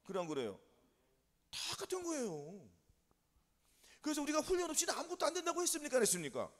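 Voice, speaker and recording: A man's voice: extremely high pitch, wildly swooping pitch, fast talker, a bit bright, long reverb tail. A male pastor, preaching a sermon that drills the congregation with back-and-forth questions. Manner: drilling call-and-response questions. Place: church sanctuary.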